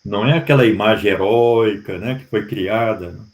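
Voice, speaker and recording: A man with a Brazilian Portuguese accent, a professor explaining history to a study group in an unhurried lecturing manner with frequent tag questions. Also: on the low side. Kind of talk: academic discussion.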